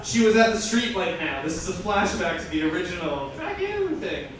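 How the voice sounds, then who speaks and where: Recorded indoors at an event, a man gives a comic, theatrical live reading, breaking off into mocking, incredulous, sweary asides. His voice sits high and is very animated, at a moderate pace. The mic is far away in an echoey, noisy room, with audience crowd noise around him.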